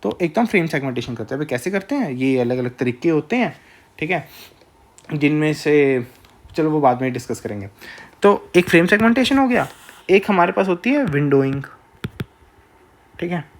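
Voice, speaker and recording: A man with an Indian accent giving a recorded lecture, speaking slowly and deliberately, often pausing to check in with listeners. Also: on the high side, expressive. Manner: slow, measured, with frequent filler checks.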